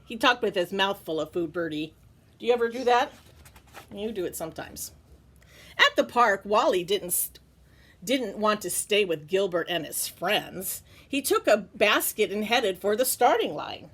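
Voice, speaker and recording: A woman teacher reads a children's picture book aloud with animation, tossing playful, chatty asides and questions to her pet bird. Her mid-range voice is husky and moves at a normal speed.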